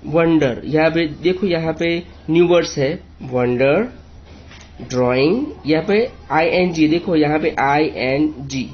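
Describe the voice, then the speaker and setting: A man's voice: a little high, slow, highs cut off. A man teaching a children's English lesson, patiently spelling words letter by letter.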